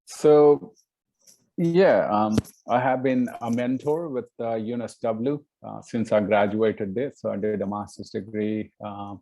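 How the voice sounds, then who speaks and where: A man from India with a low, gravelly voice and a mellow, dark tone. He talks earnestly in a casual interview, leaning on fillers and "you know" as he explains himself. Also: measured pace, a little hiss or hum. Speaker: interview guest.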